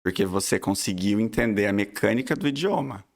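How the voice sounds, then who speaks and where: A man with a Brazilian accent, an English teacher, explaining pronunciation in an animated, emphatic way. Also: on the low side, a little fast, vocal fry. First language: Portuguese. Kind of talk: casual chat.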